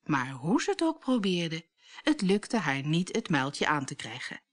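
Lively woman reading a storybook aloud. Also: sits low, a little slow. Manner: lively, expressive. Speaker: narrator.

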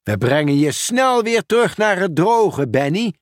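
A man's voice: sits high, sing-song, measured pace, no room sound, studio quality, voice pushed up. Pieter Post, a man doing a raised cheerful postman. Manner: eager, calling out. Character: cheerful helpful male postman, brisk and caring.

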